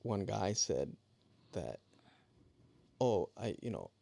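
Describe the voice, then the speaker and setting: A man's voice: lowish voice, sing-song, takes it slowly, gravelly, mellow. A man hosting a podcast, supportive, chiming in with affirming murmurs and reflective remarks. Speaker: podcast host. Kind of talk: casual interview chat.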